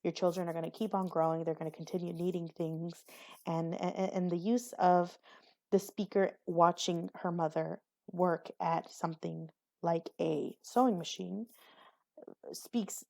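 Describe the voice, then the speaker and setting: A woman's voice: on the low side, gravelly, warm tone. A young woman giving a recorded class presentation on a poem, hesitant, with many fillers and restarts. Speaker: student presenter.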